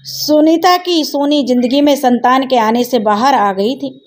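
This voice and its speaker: A woman storyteller reading a family drama aloud in a steady, dramatic way. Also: high-pitched, unhurried. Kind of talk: scripted story narration.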